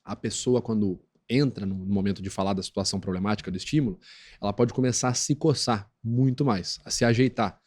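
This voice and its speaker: A man's voice: brisk, darkish tone. A man with a Brazilian accent speaking as a guest expert on a podcast, explaining step by step in a teaching tone and often checking in with "né?" and "tá?". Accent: Brazilian Portuguese. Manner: didactic, peppers talk with tag questions; acts out quoted voices in a high squeak. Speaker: guest expert on lie detection. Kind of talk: explanatory podcast interview talk.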